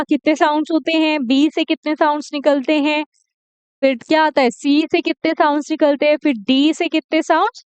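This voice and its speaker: High-voiced woman teaching pronunciation. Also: no room sound. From India. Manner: repeats words slowly, often checks "okay?" with learners. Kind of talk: online video lecture.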